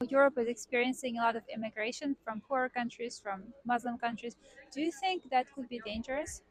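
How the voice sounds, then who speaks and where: A woman's voice: on the high side, fairly quick, no room sound, rough recording. A woman interviewing people on a city street, asking probing questions with many fillers.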